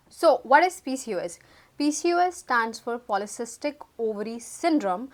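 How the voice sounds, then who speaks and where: A young woman, chatting casually to camera. She fumbles her words and laughs at herself. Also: fairly high pitch. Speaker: YouTube vlogger. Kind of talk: casual chat to camera, mixing Hindi and English.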